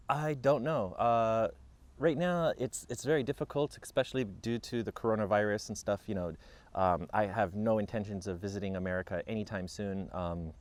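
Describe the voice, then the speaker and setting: Answering questions from viewers in a relaxed outdoor Q&A, this man in his late thirties, raised in Japan, stumbles through lots of ums and restarts. He's a vlogger with a fairly low voice at a normal pace.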